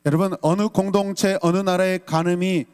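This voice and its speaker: Emphatic Korean pastor preaching in a reverberant hall. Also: male voice, high voice, little pitch movement, normal speed, smooth. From South Korea. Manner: emphatic preaching, shouts lines for the congregation to repeat. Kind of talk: sermon.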